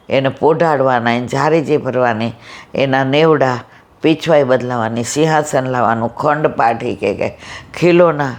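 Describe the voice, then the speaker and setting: Woman telling devotional stories. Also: extremely low pitch. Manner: tells stories, acting out quoted dialogue. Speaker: satsang speaker. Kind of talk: devotional storytelling talk.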